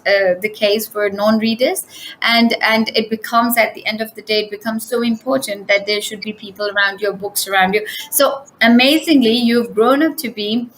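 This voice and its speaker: A woman's voice: fairly high pitch, a bit bright, slight background noise, low-quality recording. A young woman hosting an online interview, speaking enthusiastically with plenty of fillers and restarts. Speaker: host.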